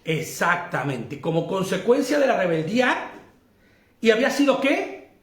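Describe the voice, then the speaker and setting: High-voiced Mexican man leading Bible study. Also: big pitch swings, unhurried, roomy sound. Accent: Mexican Spanish. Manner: questioning, checks in often with his listeners; laughs easily while teaching. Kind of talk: interactive Bible study lesson.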